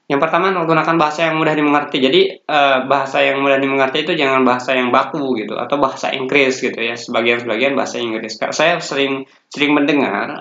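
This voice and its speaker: A man's voice: medium pitch, a bit bright. A man teaching a course from slides in a casual, loose way, with many fillers and restarts. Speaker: course instructor. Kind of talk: slide-based lecture. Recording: roomy, dull lo-fi sound.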